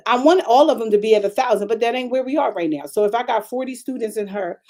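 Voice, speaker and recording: A mellow-voiced older woman pastor delivers a storytelling sermon. She is animated and emphatic and speaks directly to her listeners. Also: fairly high pitch, quick pace. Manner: animated, emphatic, talks straight to the audience.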